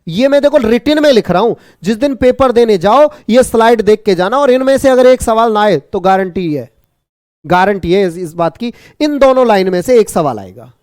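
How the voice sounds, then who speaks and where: High-voiced brisk man teaching a class. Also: animated, darkish tone, no room sound, studio quality. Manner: brisk, repetitive and teasing, scolds students jokingly. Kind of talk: online exam-prep class.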